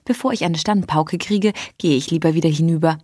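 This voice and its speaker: Brisk, no-nonsense young woman, read by a woman. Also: sits low, a little mellow, slightly rough, no room sound, studio quality. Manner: curt, matter-of-fact. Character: brisk practical woman, dry and teasing.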